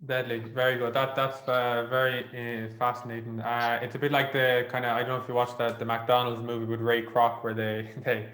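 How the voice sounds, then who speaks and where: A man with a west of Ireland accent conducting a casual interview, feeling his way haltingly through his questions. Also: medium pitch, level tone, fairly bright tone. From Galway, Ireland. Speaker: podcast interviewer. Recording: roomy, echoey sound.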